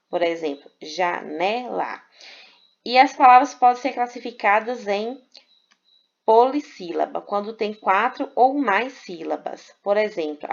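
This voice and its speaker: A woman teaching a grammar lesson, patiently spelling out syllables and checking in with "né?". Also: medium pitch. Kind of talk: explanatory lesson. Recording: dull lo-fi recording.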